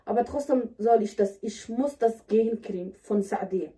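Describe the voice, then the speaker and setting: Higher-pitched woman, blunt and insistent. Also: moderate pace, mellow. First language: Somali. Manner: blunt, insistent, in simple broken German. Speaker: vlogger staging a prank on husband. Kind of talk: casual home vlog talk. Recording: distant mic, indoor home recording.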